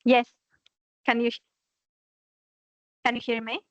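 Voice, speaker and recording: A woman speaking over a video call, her audio breaking up so the ends of words get chopped off. Her voice sits a little high and smooth but stays almost flat in tone. She sounds hesitant and apologetic, asking whether anyone can hear her, all through a dull, muffled line. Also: takes it slowly. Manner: hesitant, apologetic, checking if heard. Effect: choppy call audio cutting out mid-word. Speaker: meeting participant.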